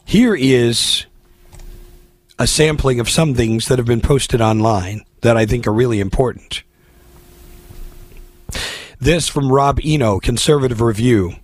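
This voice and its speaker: A man's voice: mid-range voice, measured pace, long pauses, dry recording. An American man hosting a political talk radio show, delivering an opinionated monologue in a blunt, emphatic, exhorting manner.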